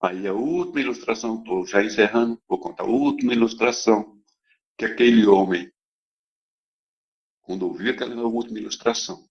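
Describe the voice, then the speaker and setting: Man, church testimony, dramatic emphatic storytelling, gravelly voice, dull lo-fi recording. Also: on the low side. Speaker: church member giving testimony.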